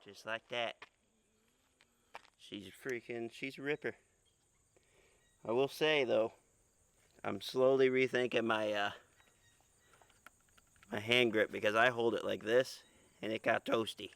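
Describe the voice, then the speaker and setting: A man hosting a casual shooting vlog outdoors, talking in a relaxed, rambling way with lots of fillers. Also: mid-range voice, takes it slowly, gravelly, long pauses, clean tone, no echo. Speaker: firearms channel host.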